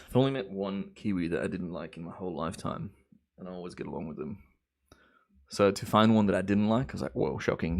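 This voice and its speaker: This Belgian man in his thirties hosts a timelapse livestream, and his Belgian accent carries traces of American and Australian English. His voice sits low and creaky as he chats in a laid-back, easygoing way, stretching out cheerful exclamations during relaxed live commentary.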